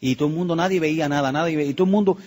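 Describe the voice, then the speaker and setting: A middle-aged Cuban man telling a personal story to an audience, acting out the quotes and dropping to a hush at tense moments. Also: a little high, very fast. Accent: Cuban Spanish. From Cuba. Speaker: speaker telling his story.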